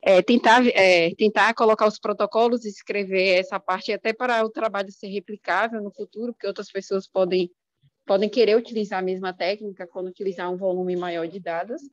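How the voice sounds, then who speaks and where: A woman's voice: medium pitch, steady tone, fairly quick, no room sound. A woman presenter replies to feedback in an academic session over an online call, her voice breaking up and dropping out, with hesitant fillers and restarts. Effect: call audio breaking up and dropping out. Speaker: conference presenter. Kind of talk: academic Q&A reply. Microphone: online video call. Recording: dull lo-fi call audio.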